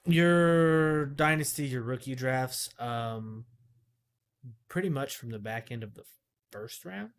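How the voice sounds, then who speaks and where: Male podcast co-host, mid-pitch voice, chatty and rambling, stops to fix his words. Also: lively intonation, a little slow, gravelly, pauses often. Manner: rambling, self-correcting, filler-heavy. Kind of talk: casual fantasy football chat.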